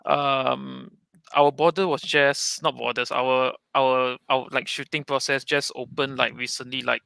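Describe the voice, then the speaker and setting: Young man, Malaysian English accent, student filmmaker, relaxed, smooth crisp voice, dry sound. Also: mid-range voice, measured pace, no echo. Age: young adult. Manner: relaxed, loose with "like" fillers. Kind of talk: live online Q&A panel.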